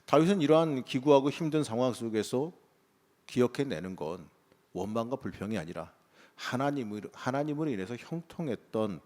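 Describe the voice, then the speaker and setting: A man's voice: mid-range voice, animated, moderate pace, a little mellow. A male pastor preaching a morning sermon, talking in a conversational way and rising into emphatic bursts. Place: church sanctuary. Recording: long church reverb.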